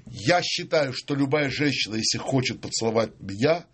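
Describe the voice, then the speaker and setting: A man's voice: medium pitch, animated, normal speed, a bit bright, breathy edge. A man appearing as a guest expert on a radio talk show, speaking in a theatrical, ironic, declamatory way during a joking debate.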